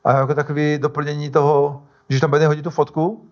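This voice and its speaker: A man with a fairly high voice preaches a sermon in a loose, conversational way. He often breaks off mid-phrase to restart or correct himself. The recording sounds dull and lo-fi. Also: flat delivery, a little mellow. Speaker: pastor.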